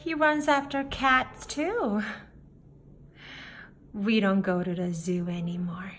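Filmed indoors with the book lying on a table, a female reader shares a picture book with young kids, her medium-pitched voice steady and fairly bright. She goes very slowly and deliberately, using simple phrases separated by pauses, with faint room noise in the background.

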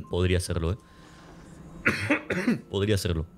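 His voice is on the low side but swoops wildly in pitch, and he takes his time over a faint hiss or hum. He's a young adult streamer who grew up between Spain and Argentina, casually commenting on his game and answering chat at home, coughing often, with game music playing and a desk mic near the webcam picking him up.

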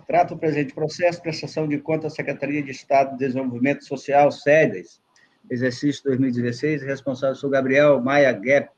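A man, the rapporteur councilor, reading a formal case report and vote in a halting way, with restarts, over a video call. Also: mid-range voice, lo-fi sound.

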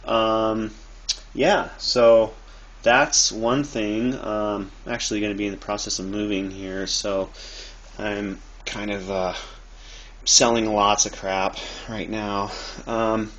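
A low-voiced man who makes videos and resells thrift finds rambles through a casual how-to, halting and loosely improvised. His delivery is flat but his tone fairly bright. It's a noisy amateur recording on a handheld phone in a cluttered, dim room.

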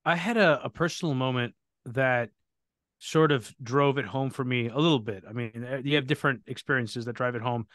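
Energetic and prone to self-correcting restarts, a podcast host leads a live Q&A conversation. His medium-pitched voice is brisk, recorded with clean studio sound and no room sound.

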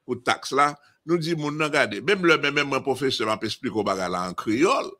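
A man's voice: mid-range voice, expressive, brisk, sharp tone. A man from Haiti with a Haitian accent, talking emphatically in a casual discussion and often repeating and restarting phrases.

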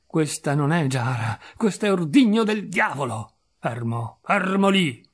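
A man's voice: on the high side, big pitch swings, measured pace, husky, full character voice. A man reading a story aloud, voicing an irascible landowner who exclaims and fusses in agitation. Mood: agitated. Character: irascible middle-aged male landowner, fussy and stingy.

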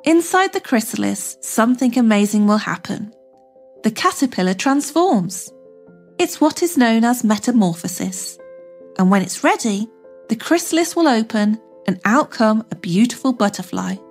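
A woman with a high, lively voice presents like a kids show host. She narrates a scripted lesson for young children, encouraging them and putting simple questions to them. Music plays behind her. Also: normal speed.

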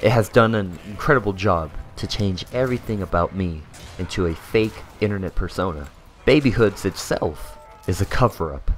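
A young man delivering a mock-serious comedic voice-over as a gaming YouTuber. His tone is deadpan and sarcastic, and at times it slides into exasperated rants. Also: deep voice. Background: faint background music.

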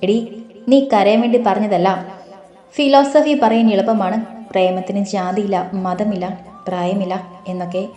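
A woman's voice: mid-range voice, steady tone, moderate pace, dark tone, faint music behind, close to an everyday voice. A woman voicing a blunt young female friend giving frank advice in a storybook reading. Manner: blunt and teasing. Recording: roomy echo.

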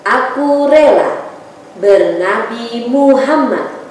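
A middle-aged woman with an Indonesian accent, a teacher leading children's prayers, reciting deliberately phrase by phrase. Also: fairly high pitch, lively intonation. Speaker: kindergarten teacher. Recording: very echoey room, distant mic, faint noise.

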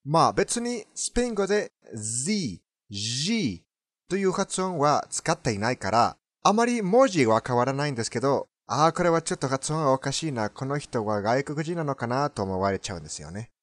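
Male language commentator, Spanish native with foreign accent, animated intonation, dry recording. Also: medium pitch, fairly quick, no echo.

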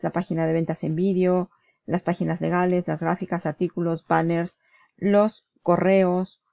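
An online business vlogger with a fairly low voice and vocal fry walks through her computer screen in a casual screen-share. She's chatty, often checks in with her viewer by asking "¿vale?", and corrects herself mid-word; the recording has no echo and cut-off highs.

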